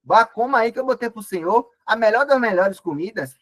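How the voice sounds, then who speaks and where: A man's voice: sits high, animated, fairly quick, a bit bright, dry recording, pitched above the performer's own voice. A man voicing the young Jacob as a boastful, cheeky son.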